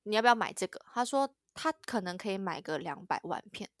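A woman's voice: medium pitch, lively intonation, fairly quick, dry recording, studio quality. A young woman co-hosting a podcast in casual chat, reacting with frequent laughter. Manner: laughs often, chatty reactions. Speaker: podcast co-host.

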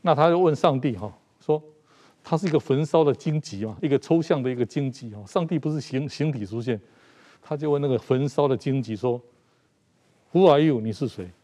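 A man's voice: mid-range voice, fairly quick, warm tone. A middle-aged man from Taiwan with a Taiwanese Mandarin accent, a talk show guest making emphatic political commentary and repeating phrases for stress. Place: TV studio.

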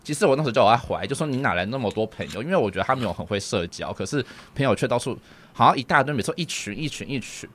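A man tells a story to his co-hosts in relaxed podcast chat. His pitch swings widely and he talks at a brisk clip. He fills pauses with hesitant "uh"s as he goes. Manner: animated storytelling, hesitant fillers. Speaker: podcast co-host telling a story. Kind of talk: casual group chat.

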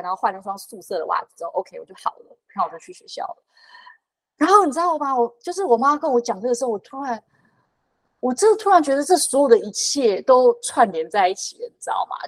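In a low-quality recording, a fairly high-pitched woman in her thirties or forties shares a personal story as a podcast guest. Her delivery is fast and lively, peppered with fillers and restarts.

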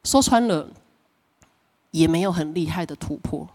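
A middle-aged woman pastor preaching a sermon, telling stories with lively acted-out voices and frequent laughter. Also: deep voice, moderate pace. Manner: animated storytelling, acts out quoted voices, laughs often.

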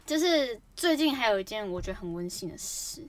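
A young woman from Kaohsiung with a Taiwanese Mandarin accent, co-hosting a podcast in casual chat who reacts loudly and laughs easily. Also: medium pitch, sing-song, brisk, distant mic. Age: young adult. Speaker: podcast co-host.

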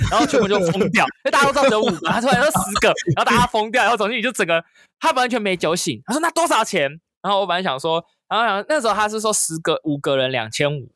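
A man tells a story with a lively, bouncing pitch and a rapid pace. He speaks fairly high for a man and acts out quoted lines. The sound is dry and close. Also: dry recording. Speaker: storyteller recounting hosting a company party. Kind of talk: casual chat.

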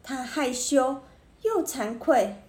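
A woman reads a children's tale aloud with lively, expressive narration. Her voice is high and she takes her time over each phrase. The recording carries a noticeable room echo. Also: takes it slowly. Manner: expressive, animated. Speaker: storyteller. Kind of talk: children's story reading.

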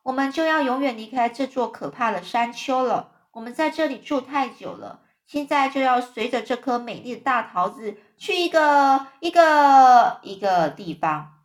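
A woman voicing a kind, gentle female ladybug in a children's storybook reading, speaking soothingly. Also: high-pitched, expressive, normal speed, few pauses.

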